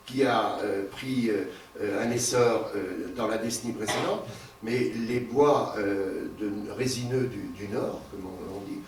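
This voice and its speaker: Halting male moderator in a roomy hall. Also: on the low side, a little mellow. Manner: halting, many repeated words and fillers. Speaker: round table moderator. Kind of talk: summarizing a panel discussion. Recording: roomy hall, distant mic, some noise.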